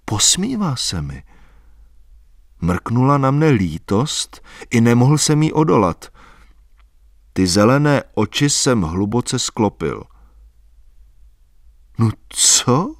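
A man narrating a literary novel in a measured, soft-spoken, reflective way. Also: medium pitch, sing-song, no room sound, studio quality. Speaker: audiobook narrator.

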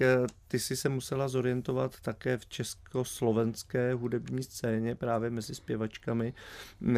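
Male radio presenter, average pitch; hesitant, rambling interviewer. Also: darkish tone. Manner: hesitant, drawn-out questions with fillers. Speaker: radio host.

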